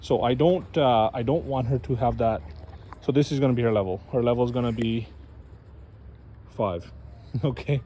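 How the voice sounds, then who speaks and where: Male dog trainer, mellow tone, relaxed chatty tutorial delivery with faint background hiss. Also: mid-range voice, moderate pace, long pauses. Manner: loose, chatty, addresses viewers as guys. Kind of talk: casual instructional demo.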